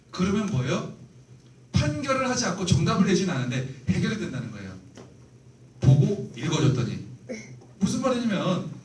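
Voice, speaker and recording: A man's voice: high-pitched, a little hiss or hum. A man lecturing church youth leaders in a church meeting room, earnest and explanatory, acting out examples as he goes. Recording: roomy hall, mic far off.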